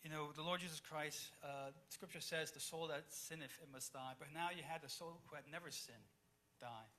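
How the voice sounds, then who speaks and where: Bright-voiced man preaching a sermon. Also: a little high, normal speed. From Chile. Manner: reads scripture aloud then explains it, swings between loud and hushed. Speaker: pastor.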